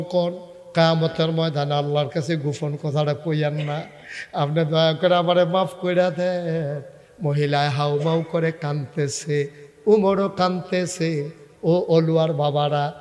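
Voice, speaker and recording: Wailing preacher in a hall. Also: male voice, darkish tone. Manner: swings from chanting wails to low storytelling. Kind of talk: Bengali waz sermon.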